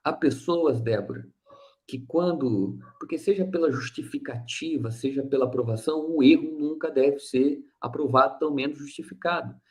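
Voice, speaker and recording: A man's voice: fairly high pitch, normal speed, a little mellow. A man giving a spiritist teaching talk in a conversational way, acting out little dialogues with a listener. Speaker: spiritist lecturer.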